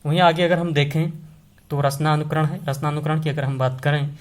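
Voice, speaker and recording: A man's voice: fairly high pitch, flat delivery, a little fast. A man teaching an exam-prep lesson, explaining step by step and often checking in with the listener with short tag questions.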